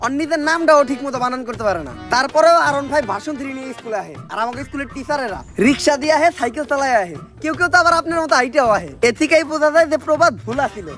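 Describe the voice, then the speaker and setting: A man's voice: extremely high pitch, animated, very fast, few pauses, a bit bright, faint music behind. A man, acting in a comic sketch with a cheeky, mocking delivery. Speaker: comedy sketch actor playing an unruly student.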